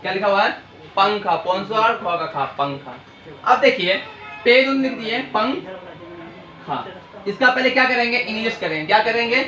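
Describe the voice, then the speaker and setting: In an echoey room with a light hiss, a man runs a whiteboard language lesson, answering his own questions in a call-and-response pattern. His voice sits high and sounds bright and pushed, expressive at a moderate pace with long pauses.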